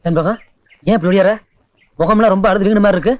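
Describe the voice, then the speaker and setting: An actor playing a steady young village lover. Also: male voice, sits high, quick pace, no echo, lightly acted. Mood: teasing. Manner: reassuring, teasing. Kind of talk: 1980s film acting. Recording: distant dull film sound with music.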